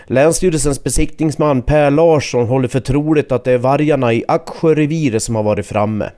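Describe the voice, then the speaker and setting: A man reporting the news in a measured, scripted narration. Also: medium pitch, dark tone.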